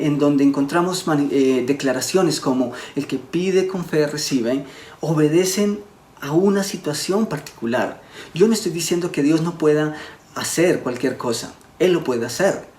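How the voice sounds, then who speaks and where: A man giving a sermon as a preacher, earnest and slowing down to stress his points. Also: fairly high pitch, darkish tone. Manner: earnest, slows down to stress words. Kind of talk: sermon teaching. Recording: echoey room with faint background noise.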